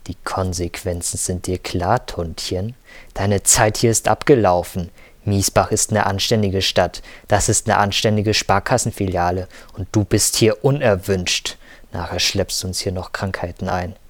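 A man voicing a choleric, sweaty male bank manager in his fifties, who bellows and hisses hoarsely in an audiobook. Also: deep voice, fairly even intonation, unhurried, no echo. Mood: contemptuous. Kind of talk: audiobook character voice.

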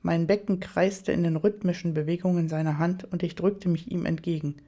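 A woman narrating a first-person erotic story in a measured, breathy reading. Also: lowish voice, steady tone, dark tone. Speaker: audiobook narrator.

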